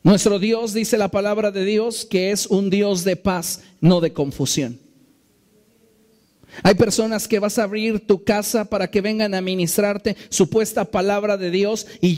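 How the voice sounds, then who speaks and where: A man preaching a sermon as a pastor in his church, slowing down and stressing key phrases in an earnest way. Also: high-pitched, a little mellow. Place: church sanctuary.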